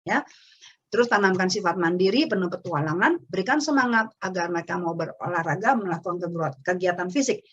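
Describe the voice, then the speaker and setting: A woman's voice: on the low side, animated, a little fast, a bit bright, husky, lo-fi sound. A woman giving an earnest parenting talk to parents over a webinar. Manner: earnest, addresses parents directly. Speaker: parenting speaker.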